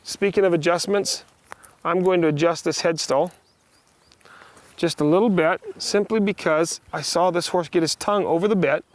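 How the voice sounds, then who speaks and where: A man teaching a riding lesson, giving brisk, projected commands in short directives along with plain, practical explanation. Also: on the high side, steady tone. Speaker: horse riding instructor. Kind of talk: hands-on riding lesson, instructing a student.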